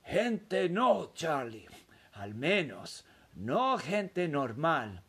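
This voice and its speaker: An excited old grandpa from a storybook, leaning in to share a secret with his grandson, as a man puts him on. His voice climbs high and dips low as he talks. He speaks slowly and with weight. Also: slightly rough, full character voice. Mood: conspiratorial. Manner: hushed, conspiratorial, emphatic.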